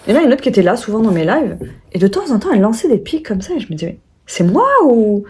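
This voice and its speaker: A woman's voice: mid-range voice, very animated, very fast, dark tone, slightly rough. A young woman vlogger telling a personal story in a casual, chatty way, with many fillers and restarts and quoted voices acted out.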